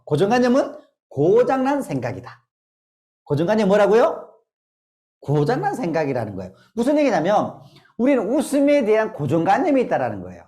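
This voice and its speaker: A woman's voice: fairly low pitch, mellow. A middle-aged woman leading a laughter therapy lecture, drilling the audience with call-and-response and bursts of laughter. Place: lecture hall.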